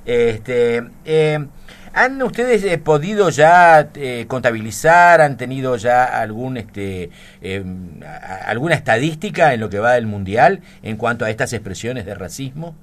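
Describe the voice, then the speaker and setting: A man's voice: mid-range voice, lively intonation, unhurried. Male radio host, medium voice, fumbling questions. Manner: fillers, apologetic and hesitant. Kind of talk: interview questions.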